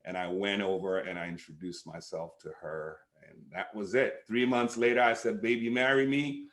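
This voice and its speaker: A middle-aged man from Sierra Leone, a pastor, telling a personal story in a relaxed way with lots of fillers over a home video call. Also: fairly low pitch, moderate pace, echoey room. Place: living room at home, indoors. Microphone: webcam on a video call.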